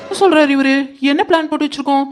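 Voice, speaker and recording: A woman's voice: high-pitched, rapid-fire, soft background music, natural voice. A woman playing a whiny, scheming young bride-to-be in a family drama. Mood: fretful. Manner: whiny, fretful.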